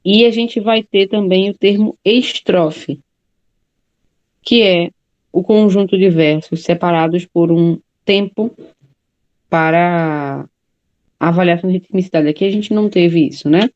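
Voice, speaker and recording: Mellow-voiced woman teaching a class. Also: on the low side, measured pace, dull audio. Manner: explains step by step, often checks in with "né?" and "tá?". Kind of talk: classroom lecture.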